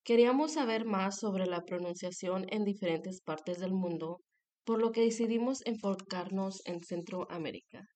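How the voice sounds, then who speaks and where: A young woman in her twenties, a student presenter, reads a scripted lesson aloud in a steady voice. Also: mid-range voice, normal speed. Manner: steady read-aloud delivery with clear examples. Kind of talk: scripted educational narration.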